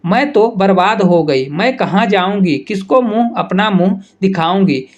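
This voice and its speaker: A man's voice: high-pitched, animated, a little slow, lo-fi sound. A man voicing a scheming young woman who sobs and accuses in a spoken story, in a plain storyteller reading. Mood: distraught.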